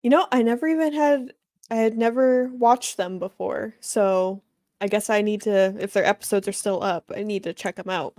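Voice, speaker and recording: A woman's voice: medium pitch, normal speed, a little mellow, no room sound. Easygoing woman co-host, dry close mic. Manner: easygoing, reads chat comments aloud. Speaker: co-host guest. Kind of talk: casual livestream chat.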